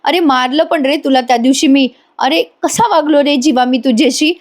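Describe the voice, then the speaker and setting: A woman reading the lines of a remorseful father apologizing to his son, emotional and gruffly tender. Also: high-pitched, moderate pace, close to an everyday voice.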